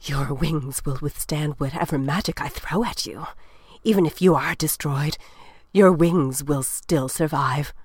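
A woman's voice: sits low, a little slow, slightly rough, dry recording, studio quality. A woman voicing a grim, ruthless old witch in an audiobook drama, speaking in a cold, menacing way.

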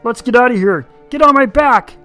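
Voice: moderate pace, soft background music, natural voice. A performer doing a panicky young dragon. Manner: stammering, frantic and high-pitched. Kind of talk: audiobook drama acting.

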